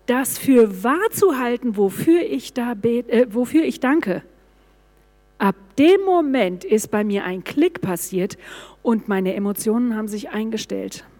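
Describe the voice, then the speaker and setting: A middle-aged woman giving a personal testimony to a congregation, telling her story in a lively way and acting out the dialogue. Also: on the high side. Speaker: church speaker giving a testimony. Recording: reverberant hall sound.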